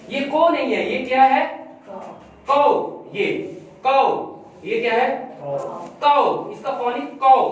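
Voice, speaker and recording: A woman teacher giving a phonics lesson, repeating words slowly and drawing out their sounds. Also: sits high. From Pakistan. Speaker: school teacher. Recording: very echoey room, voice from far off.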